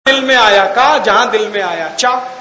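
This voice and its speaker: A man's voice: sits high, unhurried, bright, forceful tone. A man giving a mocking, argumentative public talk, full of rhetorical questions and words spelled out letter by letter. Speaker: public speaker. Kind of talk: lecture to an audience. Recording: echoey hall, faint hiss.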